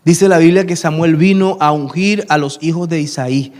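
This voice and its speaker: A man's voice: on the high side, normal speed, darkish tone. A man, preaching a sermon and telling a personal story, acting out the dialogue. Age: 30s. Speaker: pastor.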